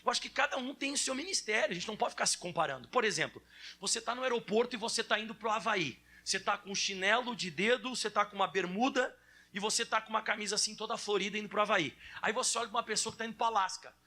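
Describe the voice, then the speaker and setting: Male pastor, sermon, high voice, bright tone, animated delivery, church. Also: quick pace. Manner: animated, acts out children's whining voices.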